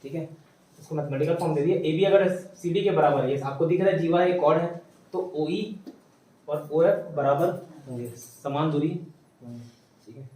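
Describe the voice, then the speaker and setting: A man teaching a maths class, slowly dictating theorems and repeating each phrase for students to write down. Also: fairly high pitch, a little mellow, a little hiss or hum. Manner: slow repeated dictation, mixing Hindi with English terms. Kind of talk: classroom lecture, dictating notes. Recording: echoey room, voice from a distance.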